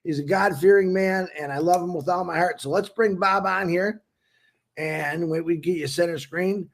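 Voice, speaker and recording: A man's voice: high-pitched, normal speed, creaky, a bit bright. A man co-hosting a live stream, making upbeat announcements and introducing a guest, stumbling and restarting now and then. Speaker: co-host.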